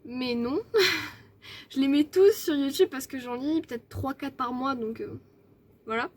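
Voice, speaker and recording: High-voiced young woman chatting casually. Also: a little slow. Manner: chatty, rambling, many fillers and self-corrections. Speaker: book vlogger. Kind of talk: casual evening vlog. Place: at her desk at home.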